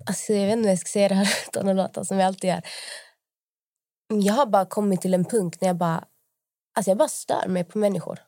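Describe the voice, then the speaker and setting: A woman's voice: mid-range voice, steady tone, mellow, no echo. A young woman co-hosting a podcast, telling rambling stories in casual chat, full of fillers and acted-out quotes. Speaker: podcast co-host.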